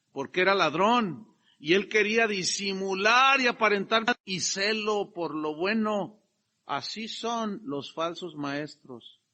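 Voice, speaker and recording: A middle-aged man preaching a sermon, emphatic and lively, acting out the quotes he reads. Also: high voice. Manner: animated, emphatic, acts out quotes. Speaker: pastor.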